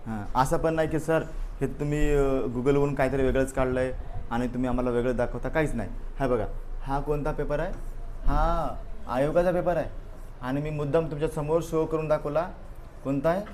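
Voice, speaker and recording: Going over a past paper in a live exam-prep session, this male teacher keeps nudging students directly and leans on "okay" and "बरोबर आहे" ("okay," "right") as fillers. He speaks at a moderate pace in a somewhat high, slightly mellow voice with fairly even intonation, over a light hiss or hum.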